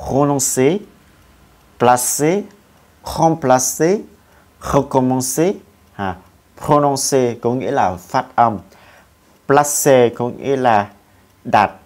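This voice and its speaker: A man's voice: mid-range voice, darkish tone. A man teaching French in an online lesson, patiently spelling out letters and drilling verb forms aloud.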